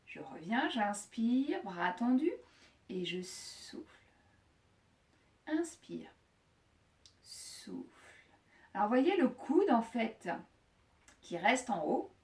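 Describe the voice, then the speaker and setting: Woman coaching pilates, slow and easy, sounds far from the mic in an echoey room. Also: a little high. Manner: calm counting of breaths, joking asides. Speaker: fitness instructor. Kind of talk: guiding a Pilates class.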